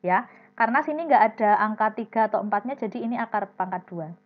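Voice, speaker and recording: A woman's voice: mid-range voice, expressive, quick pace. A woman teaching a primary class online, explaining step by step and calling on students by name. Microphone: video call. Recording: dull lo-fi video call audio.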